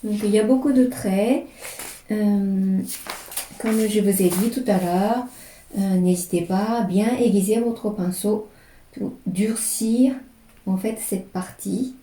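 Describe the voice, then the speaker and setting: Slow, calm woman teaching calligraphy. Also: medium pitch, reverberant, a little hiss or hum, poor audio. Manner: slow, calm, describing each stroke as she writes. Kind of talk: step-by-step brush lesson.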